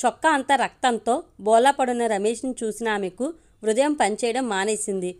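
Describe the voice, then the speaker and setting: A woman storyteller reading a love story aloud with steady, measured narration. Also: a little high.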